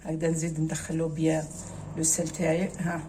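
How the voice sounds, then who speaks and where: A woman's voice: low-pitched, completely flat delivery, fast, mellow, a little hiss or hum. A woman with an Algerian accent, casually talking viewers through a cooking recipe step by step and slipping French words into her speech. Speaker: cooking channel host.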